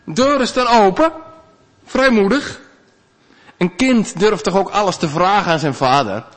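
A male pastor giving a sermon in a conversational, animated way, with big swings in pitch. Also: measured pace.

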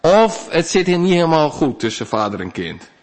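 A male pastor giving a sermon in a conversational, animated way, with big swings in pitch. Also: moderate pace.

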